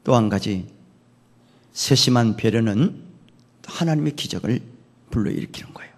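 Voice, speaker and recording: A man pastor preaching an animated sermon that acts out dialogue, in a long-reverb church. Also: mid-range voice, moderate pace.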